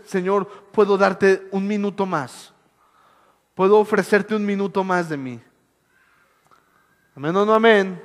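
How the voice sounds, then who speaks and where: Male preacher, high voice, moves from hushed to shouting, long church-hall reverb. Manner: animated, swings from soft to shouting. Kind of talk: sermon.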